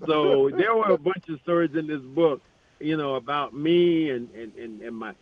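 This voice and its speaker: A man in his sixties, a retired basketball player and author, telling animated anecdotes as an interview guest by phone, often restarting his sentences. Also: fairly high pitch, normal speed. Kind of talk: storytelling in a radio interview. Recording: tinny phone line.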